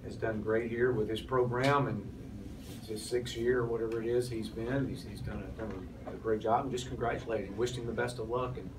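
Before a sponsor backdrop in a press room, a forties-aged head football coach takes postgame questions, stumbling through restarts and fillers. His lowish voice is steady and a little fast with few pauses, picked up from off a cluster of table mics, distant in a noisy room.

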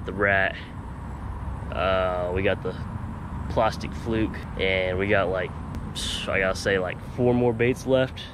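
A man with a slightly creaky voice chatting casually and in slang to viewers as he hosts a fishing vlog outdoors. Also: low-pitched, steady tone, slow pace, pauses often, background noise. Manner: laid-back, slangy, talking to viewers. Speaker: fishing vlogger and host. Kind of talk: casual chat while fishing. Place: outdoors by a small pond.

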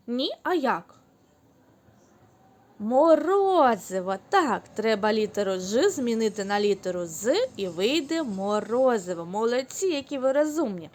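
A woman teacher speaks to small children, slowly and distinctly, stretching each syllable. Her voice is fairly high and very lively, rising and falling all the time. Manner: slow, clear, drawn-out syllables for children. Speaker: kindergarten teacher. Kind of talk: recorded online lesson for young children.

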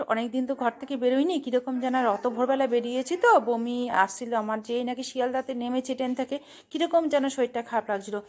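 A woman narrating a home family vlog in a chatty, rambling way, correcting herself as she goes. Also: a little high. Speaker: vlogger, mother.

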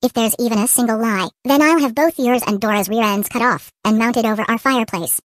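A woman's voice: fairly high pitch, fairly quick, no room sound. A woman voicing a bossy, threatening teacher. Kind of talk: cartoon voice acting.

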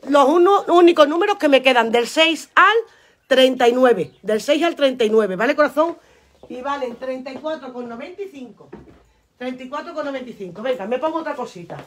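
A woman's voice: high voice, expressive, brisk. A woman selling clothes on a phone live stream, chatty and affectionate, repeating prices and calling viewers darling. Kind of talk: live sales pitch.

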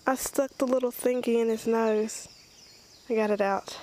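High-voiced excited woman fishing. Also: moderate pace, poor audio. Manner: excited, giggly exclamations. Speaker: angler, host's wife. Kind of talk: casual fishing vlog chat. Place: outdoors on a pond dock.

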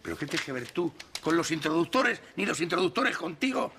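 A man's voice: fairly high pitch, sing-song, fairly quick, noisy background. A man with a Spanish accent playing a dry, mocking friend in a sitcom. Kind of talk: sitcom acting.

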